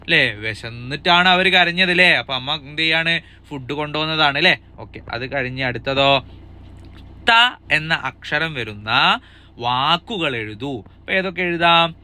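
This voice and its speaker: A cheerful male teacher, walking small children through an exam paper. His voice is very bright and crisply clear, a touch high for a man, and he keeps asking the kids questions to coax them along. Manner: cheerful, coaxing, asks kids many questions. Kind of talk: upbeat exam-prep lesson for young children.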